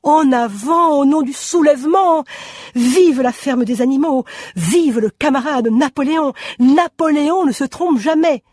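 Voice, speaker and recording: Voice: high voice, unhurried, a little mellow, dry recording, voice pushed up. A reader doing a syrupy propagandist pig. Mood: rousing. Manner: syrupy, mock-tearful. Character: smooth-talking propagandist male pig. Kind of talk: radio drama reading. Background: music.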